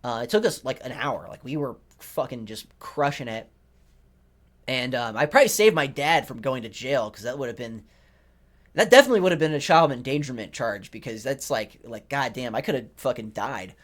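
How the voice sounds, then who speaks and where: A man's voice: mid-range voice, expressive, moderate pace. A young man hosting a podcast, telling a rambling, profane story about his family in a casual monologue, full of "like" and restarts. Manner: rambling, profane, self-interrupting with lots of "like". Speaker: podcast host, rookie stand-up comedian.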